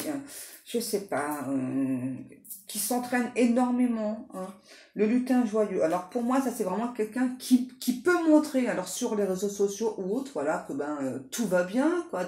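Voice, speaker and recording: A woman's voice: medium pitch, dark tone, roomy sound. A woman doing a casual tarot card reading, talking in a chatty way full of fillers and restarts.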